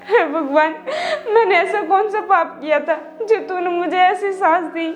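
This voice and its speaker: Meek pleading daughter-in-law. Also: male voice, extremely high pitch, fairly quick, faint music behind. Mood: lamenting. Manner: pleading, soft-spoken. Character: meek, long-suffering young daughter-in-law. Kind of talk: amateur Hindi family drama.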